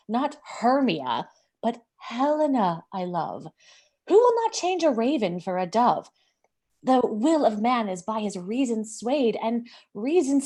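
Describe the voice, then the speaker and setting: A woman's voice: on the high side, darkish tone. A woman reading an ardent young male lover. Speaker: amateur reader in an online play reading. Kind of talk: amateur Shakespeare read-through.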